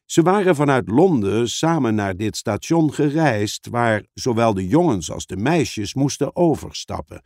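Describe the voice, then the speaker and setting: A man narrates a children's audiobook slowly and carefully. His pitch moves a lot as he tells the story. The recording is close and dry, with no room sound. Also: dry recording. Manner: expressive storytelling.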